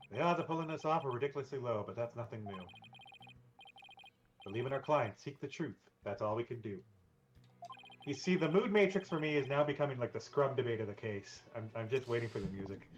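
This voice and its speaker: Lively male streamer, swoopy delivery, dull lo-fi mic with faint game music behind. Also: mid-range voice, a little fast, pauses often. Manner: animated, joking, reads lines aloud. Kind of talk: casual co-op gaming chat.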